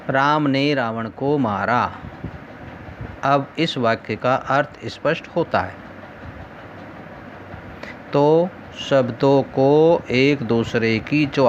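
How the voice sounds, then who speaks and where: A man teaching in a slow, unhurried way, laying out each point carefully and stopping to ask his students questions. His voice sits at an ordinary middle pitch. The recording is dull and lo-fi, with faint traffic in the background. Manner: slow, measured explaining with rhetorical questions. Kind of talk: recorded lesson.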